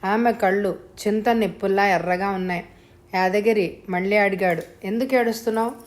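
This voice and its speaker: A woman narrating a suspense thriller as a storyteller, in a steady, dramatic reading. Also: mid-range voice, moderate pace. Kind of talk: scripted narration.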